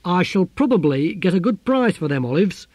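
A man's voice: sits high, big pitch swings, moderate pace, no room sound, pitched above the performer's own voice. A man doing Didactylus, a bellowing scruffy philosopher. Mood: blustering. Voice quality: loud, indignant, rough-spoken. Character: blustering scruffy male street philosopher, uncle.

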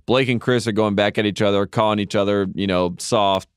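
A man's voice: lowish voice, fairly even intonation, brisk, clean tone, no room sound, studio quality. A man co-hosting a podcast, telling stories in a wry, joking way in casual chat. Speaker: podcast co-host.

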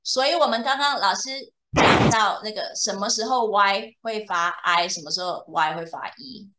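A woman's voice: medium pitch, normal speed, very noisy. A woman teaching English to a young student one on one, explaining patiently and checking often that the student follows. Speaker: English tutor. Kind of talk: bilingual tutoring lesson.

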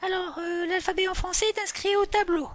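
A woman voicing a patient, slightly muddled female animal schoolteacher in a toy play, slow and didactic with many fillers. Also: very high-pitched, steady tone, no room sound. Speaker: teacher. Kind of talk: toy role-play lesson.

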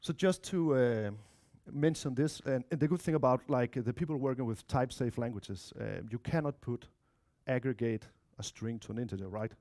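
Speaking at medium pitch and normal speed with hardly any pauses, this slightly mellow man in his thirties delivers a casual tech talk indoors in a lecture room. A conference speaker and software developer with a Danish accent, he chats and makes asides to the audience. He comes from Denmark or Spain and has a mixed Spanish-Danish background.

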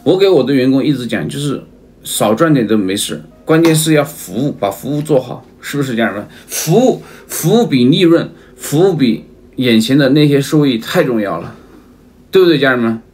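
A man's voice: mid-range voice, expressive, normal speed, darkish tone. A man on a livestream who keeps calling his viewers family, repeats himself and asks again and again whether they agree. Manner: repetitive, emphatic. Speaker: livestream seller.

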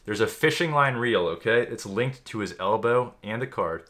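A man's voice: lowish voice, lively intonation, normal speed, fairly bright tone. A man giving a mock magic tutorial commentary in an offhand, boastful, know-it-all way. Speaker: YouTuber.

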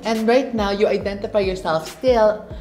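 A woman's voice: mid-range voice, normal speed, a little mellow. A woman in her twenties with a Filipino accent, explaining firmly and assertively in a studio interview. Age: 20s. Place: indoor studio, grey backdrop, seated. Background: background music.

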